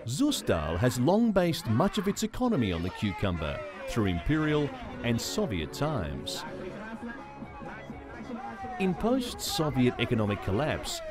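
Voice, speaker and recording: Lively male news voice-over over music. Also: mid-range voice, measured pace. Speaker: news narrator. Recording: voice-over over music and crowd sound. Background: music and crowd noise.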